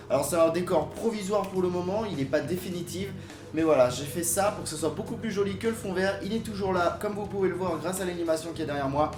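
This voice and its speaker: A man hosting a casual unboxing video at home, chatty and often hesitating with fillers. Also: high-pitched. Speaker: YouTube host. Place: home set in front of a green screen.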